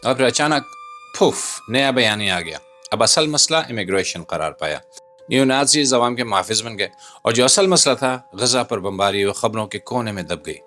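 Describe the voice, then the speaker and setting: A man reads a scripted political commentary voice-over as a video commentator and narrator, dramatic, rhetorical and emphatic, over a music bed. His mid-range voice is animated and sharp in tone, at normal speed.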